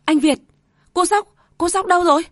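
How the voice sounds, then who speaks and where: A woman's voice: extremely high pitch, moderate pace, a bit bright, no echo, clean studio sound, pitched above the performer's own voice. A woman reading aloud voices a frantic young mother, pleading and breathless with tears.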